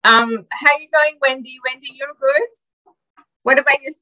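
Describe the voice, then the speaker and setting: Female host, informal online call, effusive and scattered, highish bright delivery, dull audio. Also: fairly even intonation, unhurried, dry recording. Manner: effusive, chatty, jumps between thoughts. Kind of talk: casual chat, informal hosting. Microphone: video call microphone.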